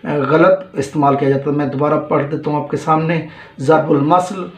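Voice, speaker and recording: Pakistani man teaching slowly in an echoey room. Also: fairly high pitch, little pitch movement. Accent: Punjabi-Pakistani Urdu. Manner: measured, explanatory, stresses each word slowly. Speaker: retired college principal and teacher. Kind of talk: Urdu pronunciation lesson.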